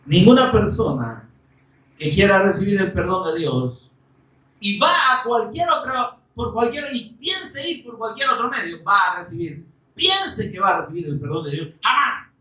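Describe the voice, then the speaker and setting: A preacher delivering a fervent sermon, firing rhetorical questions and breaking into shouts for emphasis. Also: mid-range voice, lively intonation, unhurried, distant mic. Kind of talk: Spanish-language sermon. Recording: roomy, from off-mic.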